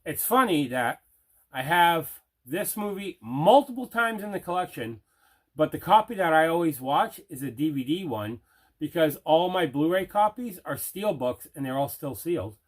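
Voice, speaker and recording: A man with a slightly high, expressive voice speaks at a normal speed. He hosts a casual unboxing video as a movie collector, chatting enthusiastically and conversationally.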